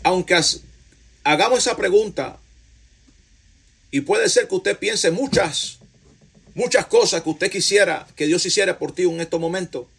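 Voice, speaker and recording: A man's voice: high-pitched, unhurried, creaky, pauses often, a bit bright, breathy edge. A male pastor preaching a fervent sermon, breaking in again and again with cries of hallelujah and glory to the Lord and calling the congregation to praise.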